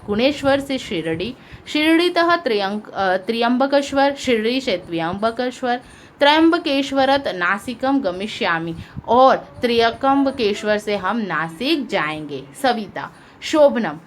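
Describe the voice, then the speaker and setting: A woman's voice: a little high, a little hiss or hum. Patient woman teacher explaining line by line. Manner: patient, asks pupils questions, translates line by line. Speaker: school teacher. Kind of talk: explaining a Sanskrit lesson in Hindi.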